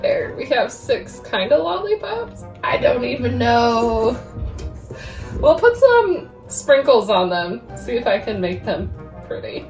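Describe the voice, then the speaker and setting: A woman's voice: on the high side, sing-song, takes it slowly, a little mellow, faint music behind. A woman hosting a comedic baking vlog with a playful, theatrical, sing-song exaggerated way of talking. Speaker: host of a baking show.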